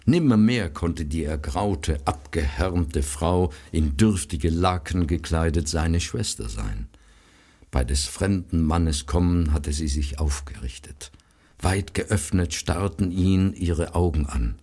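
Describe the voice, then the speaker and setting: A man reads a story aloud in a measured, solemn way. His voice is very low and slightly husky. He takes his time over every sentence. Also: mellow. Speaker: narrator.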